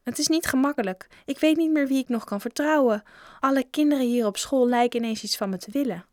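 A woman's voice: high-pitched, quick pace, a little mellow, dry recording, clean studio sound, pitched above the performer's own voice, close to an everyday voice. A woman voicing a polite, troubled rich schoolboy in a storybook reading. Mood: earnest.

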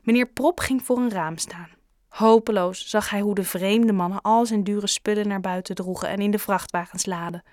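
A woman narrating a children's book in a calm, even-toned reading. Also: medium pitch, normal speed, dry recording, studio quality. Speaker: audiobook reader. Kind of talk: scripted storybook narration.

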